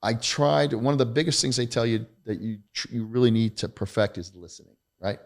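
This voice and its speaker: Middle-aged male guest, gravelly voice, candid, emphatic storyteller. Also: medium pitch, fairly even intonation, brisk. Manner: emphatic, blunt, self-deprecating. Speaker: podcast guest, retired federal agent.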